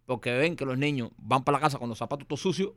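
Guy, fast and punchy, keeps hammering his point, dry studio sound. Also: mid-range voice, dry recording. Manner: emphatic, repeats his points, asks "¿entiendes?". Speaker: co-host playing a mock president. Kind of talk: comedic casual banter.

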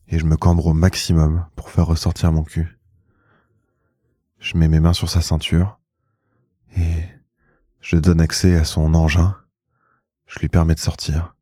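Deep, hushed male erotic narrator. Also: dry recording, studio quality. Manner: slow, hushed and measured. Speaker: podcast host and narrator. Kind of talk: intimate first-person erotic narration.

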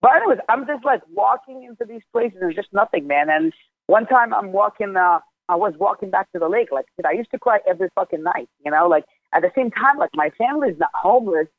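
Over a tinny phone connection, a Jordanian man in his twenties talks quickly and expressively in a high-pitched voice, with no room sound. As a guest in a casual interview, he shares his story frankly and forcefully, cursing often.

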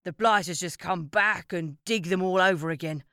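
A woman voicing a grumpy old male neighbour who complains loudly and grumbles. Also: lowish voice, moderate pace, no echo, clean studio sound. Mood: fed up.

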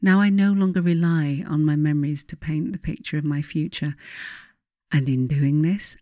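A woman reads her own self-help writing as a meditative guide, softly instructive and measured, pausing deliberately. Her voice sits low, and the studio-quality recording has no room sound.

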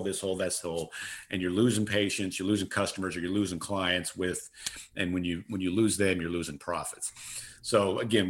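A man's voice: lowish voice, fairly bright tone. A middle-aged man answering interview questions as a guest, earnest and emphatic, repeating his key phrases. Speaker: interview guest, customer service consultant.

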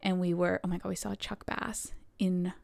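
A woman from Canada co-hosting a podcast, telling stories in a casual, animated way and acting out what people said. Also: fairly low pitch, moderate pace, vocal fry, heavy background noise. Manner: animated storyteller acting out quotes. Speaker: podcast co-host. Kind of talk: casual storytelling chat. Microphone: podcast microphone.

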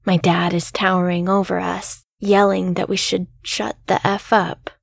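A woman narrates scary stories in a slow, measured storytelling manner. Her voice is gravelly, and the recording is dry and close. Her pitch sits in the middle range for a woman. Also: flat delivery, no echo. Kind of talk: scripted narration.

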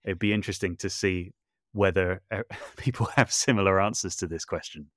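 In a dry, studio-quality recording, a low-pitched man talks a little fast as a podcast guest; he's a composer and voice artist. He's reflective and hesitant, feeling his way along, frequently self-correcting and repeating words.

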